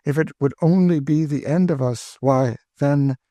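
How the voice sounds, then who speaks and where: A man's voice: fairly high pitch, measured pace, warm tone, no echo, pitched above the performer's own voice, lightly acted. A man voicing a weary, despairing woman who speaks with dry bitterness. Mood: bitter.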